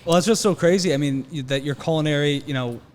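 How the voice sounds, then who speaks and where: A man's voice: fairly high pitch, fast. A man hosting a podcast interview, chatting casually and affirming often. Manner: easygoing, affirming, frequent "yeah". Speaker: podcast host.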